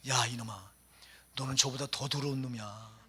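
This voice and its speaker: A man's voice: mid-range voice, fairly even intonation, normal speed, sharp tone, voice pushed down, lightly acted. A man preaching who voices the Holy Spirit as a stern, blunt voice scolding a sinner.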